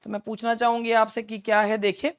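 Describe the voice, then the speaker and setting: High-voiced female tutor, bilingual exam-coaching lecture, talks straight to students. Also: flat delivery, clear, resonant tone. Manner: reads multiple-choice options slowly, then explains quickly; addresses students directly with rhetorical questions. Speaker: English literature teacher. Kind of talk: exam-prep lecture mixing Hindi and English.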